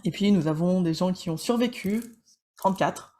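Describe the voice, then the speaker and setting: With a lowish, mellow voice, a woman coach hosts a casual live session. She jokes with the audience, calls people by name, and speaks in fast fragments full of false starts.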